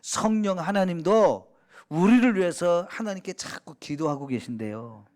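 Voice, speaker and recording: A middle-aged male pastor from Chungcheong with a Chungcheong accent, preaching a sermon in a conversational way, asking the congregation questions and sometimes dropping to a hush. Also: high-pitched, animated, unhurried. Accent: Chungcheong Korean. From Chungcheong, Korea. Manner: conversational, asks the congregation questions and answers them; drops to a soft hush when quoting prayers.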